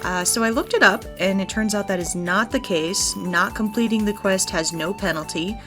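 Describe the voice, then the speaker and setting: Hosting a gaming video, a woman talks at a normal speed in a mid-range voice. She gives chatty, explanatory let's play commentary in a relaxed style, and background game music sits under her voice.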